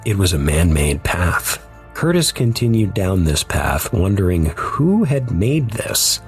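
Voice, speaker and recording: A man giving measured, somber scripted narration of a dark first-person story. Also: deep voice, big pitch swings, faint music behind.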